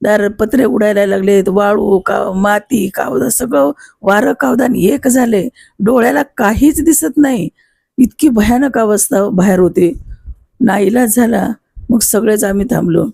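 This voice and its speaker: An older woman recalling a story from her own life, her voice warm and mellow with a gravelly edge. She speaks in an unhurried, conversational way and sometimes stops to correct herself. The sound is close and dry, with no room around it. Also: mid-range voice, no room sound. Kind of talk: reminiscing oral storytelling.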